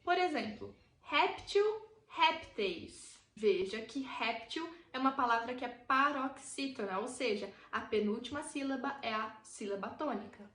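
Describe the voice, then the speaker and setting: A woman with a Brazilian Portuguese accent teaching a grammar lesson, clearly and deliberately, drawing out the example words. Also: on the high side, a bit bright. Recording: echoey room.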